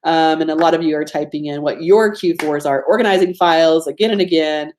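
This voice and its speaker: A woman's voice: low-pitched, a little fast, a little mellow, slight background noise. A woman with a Georgia Southern accent hosting an informal online training, chatty and self-deprecating, often checking in with her listeners. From Georgia, United States. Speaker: host of a live online productivity training. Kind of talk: informal webinar teaching with audience interaction.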